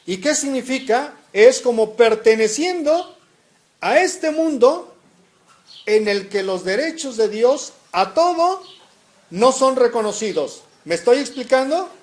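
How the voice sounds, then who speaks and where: Male preacher, high animated voice, questions the congregation, reads scripture. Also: slow pace. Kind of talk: sermon.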